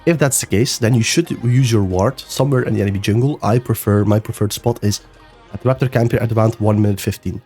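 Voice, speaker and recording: A man's voice: lowish voice, a little fast. Sick, slightly nasal man coaching gameplay. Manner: explanatory, loose with fillers and restarts. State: sick, a bit nasal and rough. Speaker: game coach. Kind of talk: gameplay review commentary. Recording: faint music behind. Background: soft background music.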